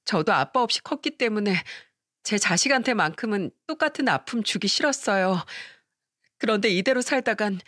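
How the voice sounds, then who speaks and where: A woman doing a young divorced mother in a storybook reading, soft-spoken and pleading, close to the narrator's own middle-pitched voice. The recording is dry and close. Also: animated, normal speed, no room sound. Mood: tearful.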